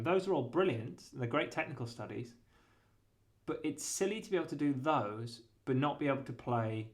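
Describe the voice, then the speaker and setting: A man giving a casual guitar lesson, rambling and correcting himself often, with lots of fillers. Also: mid-range voice. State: has the hiccups. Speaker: guitar teacher.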